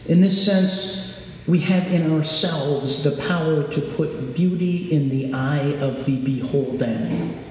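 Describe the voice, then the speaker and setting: A man giving a reflective sermon in a large sanctuary, with measured, lyrical phrasing. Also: fairly high pitch, a little mellow. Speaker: preacher. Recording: very echoey large hall, faint noise.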